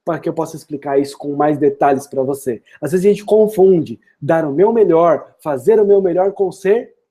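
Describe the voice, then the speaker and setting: A Brazilian man gives an upbeat online English lesson and drives his points home with rhetorical questions. His voice sits a little high for a man, but its tone is very dark and mellow. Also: moderate pace, husky. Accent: Brazilian Portuguese. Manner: energetic and encouraging, with frequent rhetorical questions. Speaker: English teacher.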